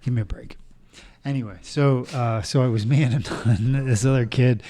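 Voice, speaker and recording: Animated man telling a story, laughing. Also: medium pitch, normal speed. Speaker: podcast co-host. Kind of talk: casual storytelling on a podcast.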